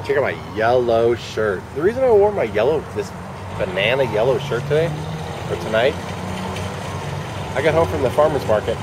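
A fortyish vlogger with a slightly low voice rambles in a wry, deadpan way, muttering dry asides. He records on a handheld camera at arm's length in a busy shopping center parking lot, with traffic and outdoor ambience audible.

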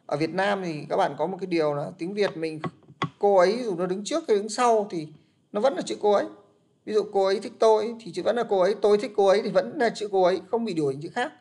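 A man's voice: sits high, fast talker, gravelly, a little mellow. A man teaching an English class, explaining patiently and repeating his points.

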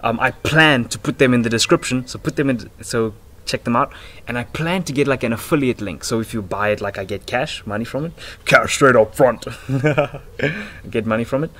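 Here a self-improvement vlogger in his twenties speaks at medium pitch and a moderate pace, chatting excitably in slangy, rambling fashion with swearing and bursts of giggles. The setting is a house porch outdoors, recorded noisily through a built-in laptop microphone at arm's length.

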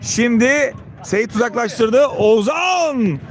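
Outdoors beside a football pitch, a man delivers live play-by-play commentary in short calls of players' names. His voice is animated but slow, with players and the crowd audible in the background.

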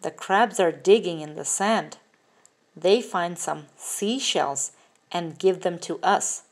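Slow woman reading a kids' book aloud. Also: on the low side. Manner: slow, careful, sing-song with questions to the child. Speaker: reader. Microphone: phone filming the book up close.

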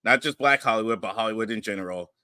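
A middle-aged man from Pennsylvania, hosting a podcast in a relaxed, chatty way with many fillers, on a studio mic. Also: lowish voice, quick pace, clear, resonant tone, dry recording. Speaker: podcast host and comedian. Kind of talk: casual podcast chat. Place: home studio room with posters. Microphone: studio mic on a boom arm with headphones.

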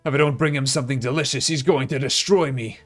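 A man reading the part of a proud, gruff warrior who is easily rattled, in a video game. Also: medium pitch, fairly even intonation, fast talker, fairly bright tone, soft background music, natural voice. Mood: annoyed, rattled. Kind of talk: video game dialogue read aloud.

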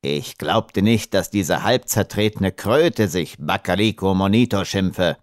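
A male narrator voicing a proud, scornful young warrior with sharp, cutting speech in an audiobook. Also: on the low side, lively intonation, normal speed, no echo, studio quality, lightly acted.

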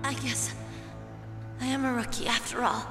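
A woman's voice: high voice, level tone, normal speed, lightly acted. A woman playing a brave, despairing young rookie soldier in a video game, wounded, tearful and struggling for breath. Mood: pained, regretful. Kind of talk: dramatic video game acting. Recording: echoing reverb, loud game music behind.

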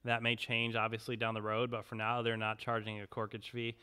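A man co-hosts a podcast, introducing each item in a steady, upbeat way. His voice is bright and smooth, with little rise and fall in pitch. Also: fairly quick. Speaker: podcast co-host. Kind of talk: casual chat.

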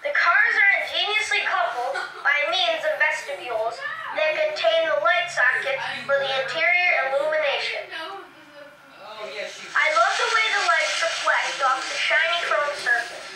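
Very high woman narrator on worn tape. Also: lively intonation. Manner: fond, measured voice-over delivery. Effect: worn VHS tape copy. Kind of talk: scripted documentary narration. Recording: noisy, roomy, distant worn tape copy.

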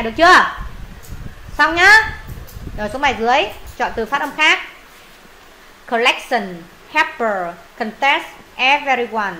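Bright-voiced Vietnamese woman teaching English. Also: on the high side, a little hiss or hum, poor audio. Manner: repeats words for students, thinks aloud when unsure. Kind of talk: pronunciation lesson, explaining and modelling words.

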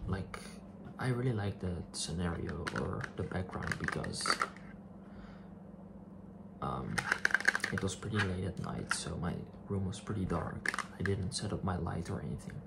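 A young man talks softly in an ASMR style, hushed and low-key, with a very low voice full of vocal fry. He hesitates as he goes. Loud clicks and tapping run right alongside his voice. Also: expressive, measured pace, very noisy. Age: 20s. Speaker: ASMR video creator. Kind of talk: soft-spoken ASMR. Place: small attic bedroom, indoors. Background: clicks, tapping and object handling.

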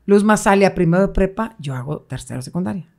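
Middle-aged woman, interview guest, lively storyteller. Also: mid-range voice, fast talker, creaky. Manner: animated, acts out quoted voices, laughs often.

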